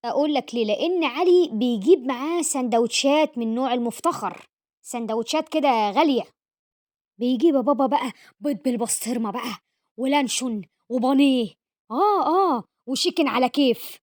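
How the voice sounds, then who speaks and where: A woman's voice: high-pitched, expressive, a little fast, darkish tone. A woman playing a cheeky, scheming schoolboy son with an Egyptian accent who rambles through excuses. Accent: Egyptian Arabic. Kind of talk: comedy sketch acting.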